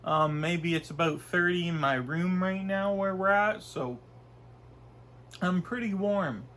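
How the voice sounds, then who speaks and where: In a small bedroom, a young man from Canada with a cold-stuffed nose chats his way through a food review. His fairly bright, high voice keeps a measured pace, and he rambles, often restarting and using fillers.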